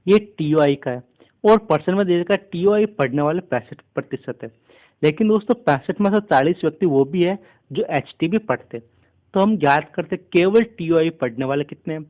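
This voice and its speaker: A maths teacher walks through exam-prep problems step by step, keeping a steady pace and the patient tone of a tutor while addressing listeners as friends. His voice sits a touch higher than most men's, and the high frequencies are cut off.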